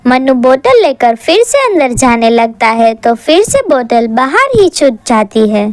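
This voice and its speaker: A woman narrates a cartoon horror tale with lively, scripted storytelling. Her high voice swings widely up and down, recorded close and dry. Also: unhurried, no echo.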